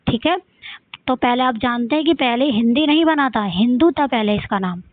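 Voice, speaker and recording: A woman with a Rajasthani accent teaches an exam-prep lesson in a high voice. She keeps asking her listeners questions and answering them herself. The sound is thin and phone-like, with a dry room. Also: normal speed, no echo. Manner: asks the class questions and answers them herself, repeats often.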